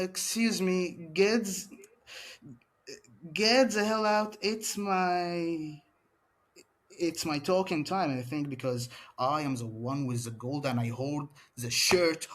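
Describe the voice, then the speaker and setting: A man's voice: a little high, fairly bright tone. A man cutting a boastful wrestling promo as champion, taunting his rival in broken English. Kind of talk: wrestling promo trash talk.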